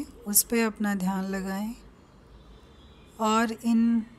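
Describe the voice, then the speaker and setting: There's a bit of background noise as a woman with an Indian accent and medium pitch guides listeners through meditation. She speaks calmly and gently, pausing at length between instructions.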